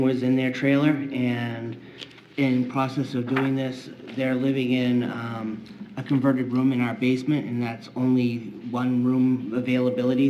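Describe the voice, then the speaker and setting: A man's voice: medium pitch, darkish tone. A man giving semi-formal testimony at a hearing as an applicant, hesitant and stiffly worded, with many ums. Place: indoor public hearing room. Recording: dull, lo-fi, faintly noisy room recording.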